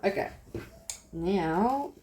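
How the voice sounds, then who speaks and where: Young woman crafting at her desk, slow chatty rambling, warm soft voice. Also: mid-range voice, animated, slight background noise. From South Africa. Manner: chatty, rambling, self-deprecating. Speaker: craft vlogger. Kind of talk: casual crafting tutorial chat.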